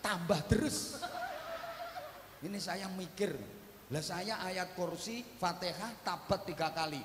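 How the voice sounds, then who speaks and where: A man's voice: high-pitched, noisy background. A man with an East Javanese accent giving a humorous sermon at an outdoor village gathering, telling jokey stories and chanting short prayers. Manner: joking storyteller, mixes chanted prayers in. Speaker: Islamic preacher. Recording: echoey outdoor PA with long reverb.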